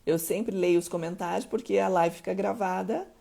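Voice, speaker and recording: Her voice sits fairly low, creaky and mellow, with fairly even intonation at a normal speed. This Mato Grosso do Sul native has a Curitiba accent and coaches a live-stream audience with emphasis, repeatedly making sure her listeners are following along in this motivational lesson.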